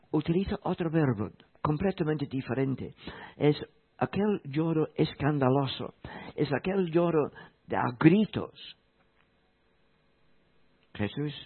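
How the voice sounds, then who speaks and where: A man preaching a sermon in a slow, emphatic way, repeating key phrases. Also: mid-range voice, breathy edge. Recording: tinny phone-like sound.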